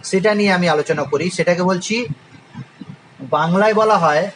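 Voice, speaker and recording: A man's voice: sits high, moderate pace, fairly bright tone, slight background noise, rough recording. A man teaching a chemistry lesson with a Bengali accent, spelling out terms letter by letter and asking and answering his own questions. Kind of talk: classroom lecture.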